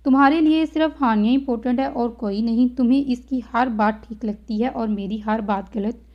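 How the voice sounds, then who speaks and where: A jealous young friend, as a woman reading puts her on sulks and sounds resentful. Her voice is fairly high. The recording is dull and lo-fi. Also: normal speed, lightly acted. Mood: sulky. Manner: sulky, resentful. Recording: dull lo-fi audio.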